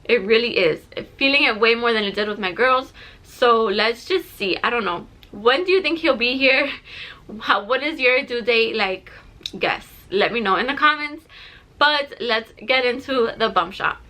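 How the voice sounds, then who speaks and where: A young woman vlogging casually from her bedroom, chatty and excited, out of breath. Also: fairly high pitch, normal speed. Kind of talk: casual vlog chat to camera. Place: bedroom at home.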